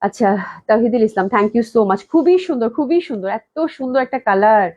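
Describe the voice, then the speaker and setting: Fast-talking, gushing woman seller. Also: a little high, lively intonation, a little mellow. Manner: gushing, enthusiastic, repeats praise. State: recovering from a cold, coughing. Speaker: clothing shop owner selling dresses live. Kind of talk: live online sales stream. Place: indoors at the company office.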